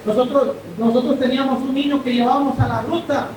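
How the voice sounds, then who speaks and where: A man's voice: steady tone, fast talker, a little mellow. A male pastor, preaching a sermon and often asking the congregation if they follow. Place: church hall. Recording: echoey room, distant mic, faint rumble.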